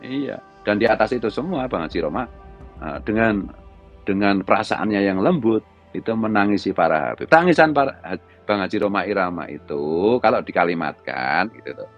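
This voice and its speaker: A middle-aged man with a Javanese accent, a religious commentator who delivers a heated monologue, scolding in a loud, raised voice. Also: lowish voice, expressive, moderate pace, dull audio, faint music behind.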